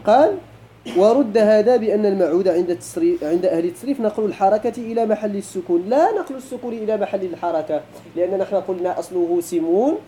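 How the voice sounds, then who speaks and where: A man's voice: high-pitched, quick pace, dark tone, a little hiss or hum, poor audio. A middle-aged man with a Moroccan Arabic accent, teaching a grammar class and pressing students with questions. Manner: questioning students, switching to colloquial.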